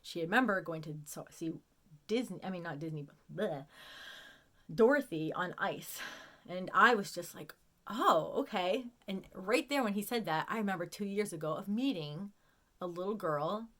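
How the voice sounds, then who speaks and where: A woman's voice: on the low side, animated, moderate pace, fairly bright tone. A woman telling a personal story to the camera, emotional and close to tears, often repeating words as she goes. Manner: emotional, near tears at times. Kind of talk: casual storytelling.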